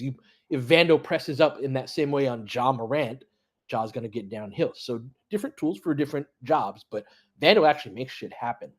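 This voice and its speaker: A man with a medium-pitched, slightly rough voice hosts a fan audio play-by-play stream of a live basketball game. He chats informally with listeners, analysing the play as it unfolds. He's conversational and analytical, with some mild swearing.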